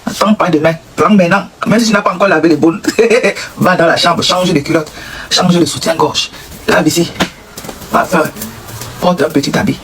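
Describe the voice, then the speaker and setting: High-voiced Cameroonian man, noisy recording. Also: fairly even intonation, moderate pace. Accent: Cameroonian French. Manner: acts out little dialogues and sound effects. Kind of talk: comic advice monologue.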